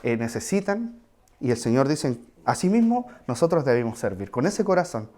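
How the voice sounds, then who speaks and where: A man's voice: medium pitch, very animated, moderate pace, warm tone. A man preaching a sermon in a conversational way, with asides and questions to the congregation.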